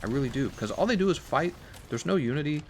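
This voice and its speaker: A man's voice: a little high, lively intonation, fast talker, slight background noise. A man from Missouri chatting casually on a game live stream, rambling and reading chat comments aloud with frequent laughs. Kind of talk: casual chat while gaming.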